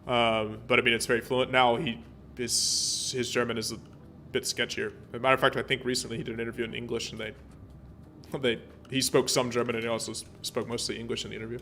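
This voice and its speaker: A man's voice: mid-range voice, level tone, fast, sharp tone, a little hiss or hum. Chatty male game streamer, rambling. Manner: rambling, chatty, many fillers and restarts. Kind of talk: casual gameplay commentary.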